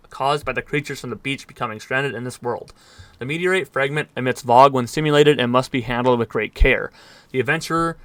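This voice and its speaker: A man's voice: medium pitch, pushed and bright, no room sound. A man reading in-game text aloud at speed, stumbling over words now and then and dropping dry asides. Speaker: gaming let's player.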